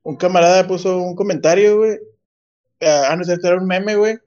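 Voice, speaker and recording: Mexican guy with a pretty high voice telling a story, slang every other word, kinda muffled sound. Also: steady tone, fairly quick, a little mellow. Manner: storytelling, ends phrases with güey. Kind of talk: casual crude banter.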